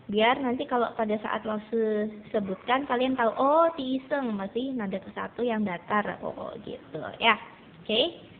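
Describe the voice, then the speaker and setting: A woman teaching a beginner Mandarin lesson to students, patiently explaining and repeating drills slowly. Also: fairly high pitch. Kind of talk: recorded classroom lesson. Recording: tinny phone-like recording with faint noise.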